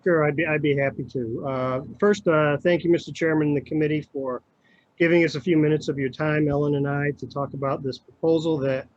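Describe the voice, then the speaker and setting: A middle-aged man, a county administrator, giving a formal, halting presentation to a committee over a crackly remote phone line that fades in and out. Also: on the high side, fairly even intonation. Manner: halting, with many filler sounds. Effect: crackly remote phone line, fading in and out.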